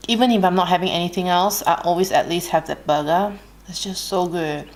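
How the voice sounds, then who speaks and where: A woman with an Australian accent talks on her eating vlog in a somewhat low voice. She is relaxed and unhurried, breaking off to chew and hum softly between her sentences. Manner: relaxed, unhurried, pausing to eat with soft hums. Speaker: mukbang vlogger. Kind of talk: casual chat while eating.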